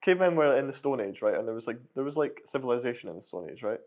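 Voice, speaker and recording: A man's voice: mid-range voice, very animated, rapid-fire, darkish tone. A man co-hosting a podcast in casual chat, often asking puzzled questions. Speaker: podcast co-host.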